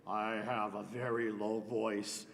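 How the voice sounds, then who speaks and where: In a large church sanctuary with long hall reverb, a congregation member presents an announcement as a playful, pun-filled skit, delivered with playful deadpan. His voice is on the low side, gravelly, and slow.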